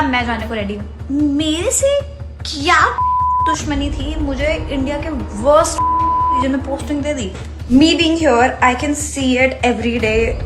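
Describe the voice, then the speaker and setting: High-voiced aggrieved woman in an echoey room. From West Bengal, India. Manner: aggrieved, complaining, switches into English. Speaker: schoolteacher. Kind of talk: casual spoken complaint in a video clip. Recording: echoey room with loud music.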